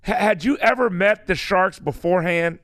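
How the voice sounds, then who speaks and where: A man's voice: high-pitched, normal speed, fairly bright tone, no echo. A man co-hosting a radio show, asking questions in a chatty, stumbling way. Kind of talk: casual interview.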